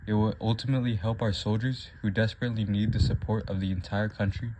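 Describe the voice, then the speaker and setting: Lowish guy doing 1940s war announcement, solemn formal read, noisy audio. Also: steady tone, fast talker, a little mellow, lightly acted. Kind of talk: scripted wartime public announcement. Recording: clearly noisy recording with clicks.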